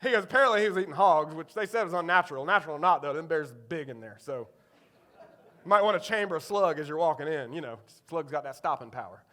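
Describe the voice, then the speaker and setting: A man's voice: fairly high pitch, animated, quick pace, a bit bright. A man voicing a blunt rural hunter with a thick Eastern North Carolina accent, giving directions matter-of-factly.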